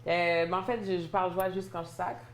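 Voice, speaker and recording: Animated woman in an echoey room. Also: lowish voice, a little fast. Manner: animated, indignant storytelling. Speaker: panel guest. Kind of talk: casual panel discussion. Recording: echoey room with faint noise.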